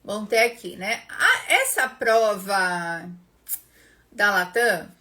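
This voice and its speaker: A woman's voice: medium pitch, big pitch swings, slow, pushed and bright. A young Brazilian woman hosting a casual live-stream lesson, chatting with viewers by name as she explains an exam. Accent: Brazilian Portuguese. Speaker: English teacher and live-stream host.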